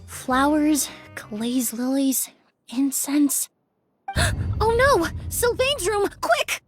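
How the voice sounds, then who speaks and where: Game role: polite, analytical young woman, fairly high pitch, composed and precise. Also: animated, very slow, faint music behind, heavily acted. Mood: pensive, then alarmed. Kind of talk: video game voice acting.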